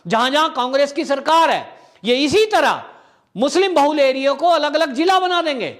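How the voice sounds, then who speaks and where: A man's voice: very high voice, fairly bright tone. A man delivering an impassioned political commentary monologue as a commentator, full of rhetorical questions.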